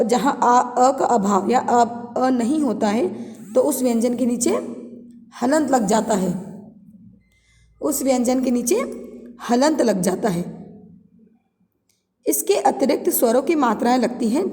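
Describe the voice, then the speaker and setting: A woman teaching a grammar lesson to students. She reads each definition, then repeats and explains it slowly in simpler words. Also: fairly high pitch, animated, dark tone, big-room sound. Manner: addresses students directly. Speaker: Hindi teacher.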